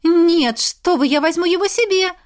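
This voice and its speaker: A woman reading a story, voicing a stubborn, soft-hearted young woman who coos over a small pet. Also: moderate pace, no room sound, clean studio sound. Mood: insistent. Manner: high, gushing, cooing to a pet.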